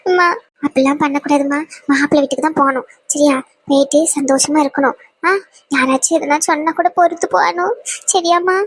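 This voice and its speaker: A woman voicing an anxious, tearful mother of a new bride in a cartoon, pleading and repeating her worries in a high voice. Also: steady tone, brisk, slight background noise, close to an everyday voice. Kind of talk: cartoon voice acting.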